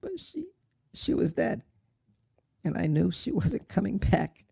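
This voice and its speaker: This is a heartbroken young man, as an actor plays him, speaking in an unhurried, halting drama voice full of sorrow. His tone is creaky with a gravelly edge, and the sound is close and dry. He comes across as a sincere radio-drama lead. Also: mid-range voice, fairly even intonation, dark tone, no echo. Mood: grieving. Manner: slow, halting, tearful storytelling. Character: grieving young man mourning his mother. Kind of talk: dramatic monologue.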